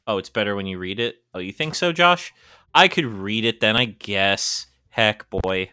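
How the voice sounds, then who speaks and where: A man's voice: fairly low pitch, moderate pace, sharp tone, smooth, dry recording, clean studio sound, soft background music. A man doing casual let's-play commentary while reading a visual novel aloud, rambling through self-deprecating asides.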